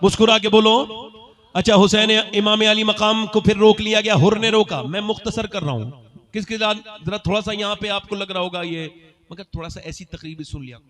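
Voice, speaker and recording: A man preaching a fervent sermon to a large gathering, coaxing the crowd into chants and swinging between soft asides and shouted climaxes. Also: high voice, fairly quick. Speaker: religious speaker at a gathering.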